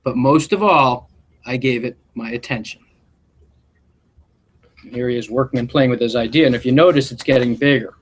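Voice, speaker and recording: A mid-range male voice reads a picture book to schoolchildren as a principal would, expressive and deliberate in its storytelling, with brief asides mixed in.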